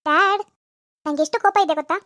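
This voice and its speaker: A woman's voice: very high-pitched, quick pace, pushed and bright, no echo, clean studio sound. A woman voicing a spiteful, jealous young wife in a cartoon, whiny and scheming. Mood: snappy. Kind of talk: cartoon voice acting.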